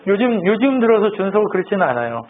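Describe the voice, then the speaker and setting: A male pastor with a high-pitched voice and big pitch swings talks fast, preaching a sermon in a chatty, teasing, playful way. He keeps quizzing his congregation, and the audio has a tinny, phone-like band with faint noise.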